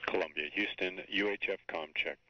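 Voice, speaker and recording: A man's voice: low-pitched, fairly quick. A man working as mission control's spacecraft communicator, making terse, repetitive call-sign checks over a crackly space-to-ground radio transmission. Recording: dull, dry radio line.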